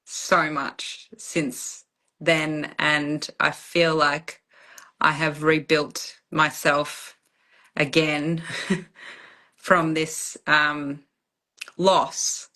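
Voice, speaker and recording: A woman speaks very slowly in a bright, somewhat low voice. She talks personally and reflectively, pausing and restarting as she looks for the right words. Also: little pitch movement. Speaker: client in a channeling session.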